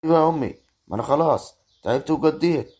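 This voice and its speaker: A man's voice: on the high side, racing, darkish tone, slightly rough. A man with an Egyptian accent acting a young village husband caught between his wife and his mother in an amateur family drama. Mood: arguing. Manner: exasperated, arguing.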